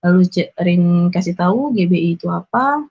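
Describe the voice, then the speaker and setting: A woman's voice: lowish voice, lively intonation, moderate pace, a little mellow, slightly rough. A young woman earnestly telling her personal conversion testimony, acting out the people she met. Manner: earnest, emotional retelling with quoted dialogue. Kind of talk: personal testimony, casual storytelling. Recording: dull lo-fi recording.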